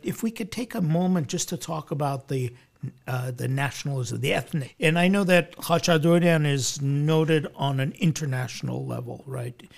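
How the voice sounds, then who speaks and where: A man's voice: a little high, moderate pace, vocal fry. A man hosting an interview, asking courteous questions with some fillers and repeated words. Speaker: radio show host, interviewer.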